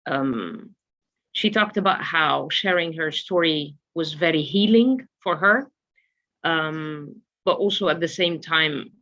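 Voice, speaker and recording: A woman presenting a storytelling workshop webinar, talking hesitantly with many filler pauses. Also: sits low, a bit bright, poor audio. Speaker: workshop speaker.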